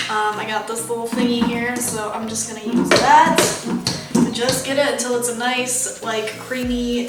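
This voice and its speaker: A woman chatting casually through a vegan cooking demo at home, gushing about the food and filling her talk with "um" and "like.". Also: fairly high pitch. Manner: chatty, full of fillers like "um" and "like". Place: home kitchen. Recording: echoey room with background music.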